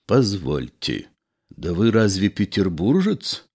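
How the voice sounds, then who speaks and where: A sentimental former police officer, voiced by a male story reader. He speaks in lively rises and slow, lingering phrases full of longing. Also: low-pitched, breathy edge, heavily acted. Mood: reminiscing.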